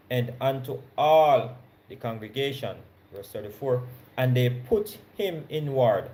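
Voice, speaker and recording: A man with a Jamaican accent giving a Bible study sermon. He reads verses slowly with stressed key words, then explains them conversationally and checks in with his listeners. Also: medium pitch, dark tone. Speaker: Bible teacher.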